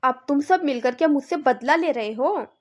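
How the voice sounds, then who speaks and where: A woman's voice: sits high, expressive, normal speed. A woman voicing a bossy, complaining middle-aged mother-in-law in a cartoon, nagging and scolding.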